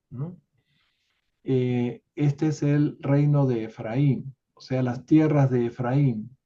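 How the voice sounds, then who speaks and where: A man leading an online study group, explaining a text in an unhurried way with many tag questions, over a video call. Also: mid-range voice, mellow. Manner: unhurried, adds filler tags and restarts. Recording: dull lo-fi call audio.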